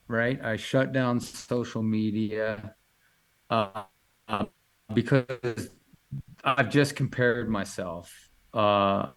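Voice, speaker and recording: A man's voice: medium pitch, fairly bright tone. A man answering interview questions in a casual, enthusiastic way, rambling with many fillers and restarts. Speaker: illustrator guest answering questions.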